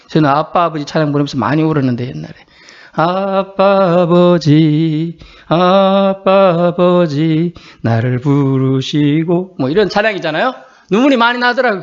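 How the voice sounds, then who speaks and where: Male pastor giving a sermon, kinda high voice, earnest and chatty, muffled lo-fi recording. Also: fairly bright tone. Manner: earnest, conversational preaching with sudden high dramatized quotes.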